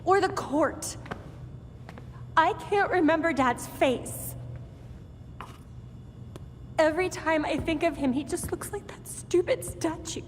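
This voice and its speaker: A woman voicing Batgirl, a determined young vigilante, speaking in an earnest, brisk and focused way. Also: very high voice. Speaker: game character. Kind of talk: video game cutscene acting. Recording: reverberant game mix with faint background noise.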